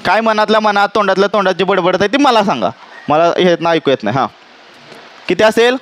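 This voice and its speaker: A man's voice: high voice, expressive, quick pace, fairly bright tone. A man teaching a physics class, asking the students questions again and again, teasing them playfully and mixing English terms into his talk. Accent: Marathi. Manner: questioning, checks understanding often; mixes English terms into Marathi.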